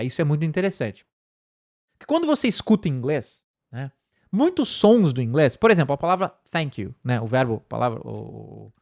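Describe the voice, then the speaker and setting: Professor animado com sotaque brasileiro. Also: mid-range voice. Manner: explanatory, tag questions "tá?" and "né?", repeats words slowly to demonstrate. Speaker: English teacher. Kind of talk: online course lesson.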